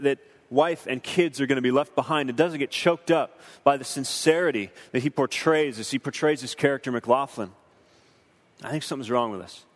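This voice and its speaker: Man, young adult, earnest preacherly film commentary, slightly raised pitch, echoing hall. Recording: long hall reverb.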